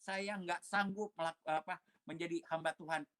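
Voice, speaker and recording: A man's voice: a little high, fairly even intonation, normal speed, a bit bright. A man who is a pastor, giving an emotional personal testimony, telling his story animatedly, acting out the voices of others, and dropping in English phrases.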